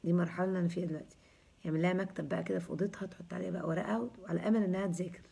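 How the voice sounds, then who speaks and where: A woman's voice: fairly low pitch, steady tone, racing, gravelly, warm tone, slightly rough. A woman in her thirties with an Egyptian accent, hosting a casual live chat and answering viewers with jokes and teasing. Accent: Egyptian Arabic. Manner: joking, teasing, chatty. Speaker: host answering viewers' comments.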